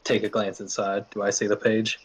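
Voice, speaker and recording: A man's voice: fairly low pitch, monotone, brisk, husky, poor audio. A man playing a tabletop game, casual and full of fillers. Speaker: player.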